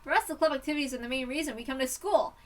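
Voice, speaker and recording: A woman reading a visual novel aloud in an animated, expressive way, a bit off-mic. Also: high voice, very fast, far from the mic. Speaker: reader.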